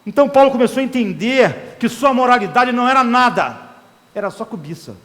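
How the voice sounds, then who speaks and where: A man preaching with a very high voice, his words ringing out with a long reverb. He delivers an impassioned sermon and acts out the inner voices of desire. Every phrase trails off into the echo of a large hall. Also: expressive, a little fast, a bit bright.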